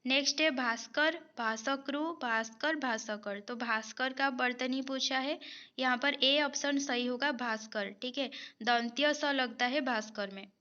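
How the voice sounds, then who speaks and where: A woman teacher takes students through an exam-prep spelling lesson with a high voice and an unhurried pace. She reads each answer option, repeats the correct word, and checks in before moving on. The recording sounds a little dull and lo-fi. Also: pushed and bright. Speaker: Hindi grammar teacher.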